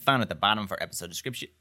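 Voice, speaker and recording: A man co-hosting a podcast in casual chat, easygoing and low-key, with the hiccups. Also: sharp tone. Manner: easygoing, low-key, reads show plugs. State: has the hiccups. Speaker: podcast co-host.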